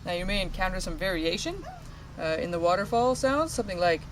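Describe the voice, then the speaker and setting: High-voiced man over clear background noise. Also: sing-song, brisk. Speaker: vlogger and field sound recordist. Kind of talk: casual travel narration. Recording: noisy outdoor field recording.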